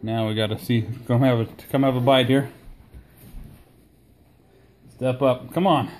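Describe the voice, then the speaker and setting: A man talking casually to the camera about his cooking at home outdoors, relaxed and enthusiastic, with frequent fillers. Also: medium pitch, measured pace, faint music behind. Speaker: home cook reviewing his new smoker.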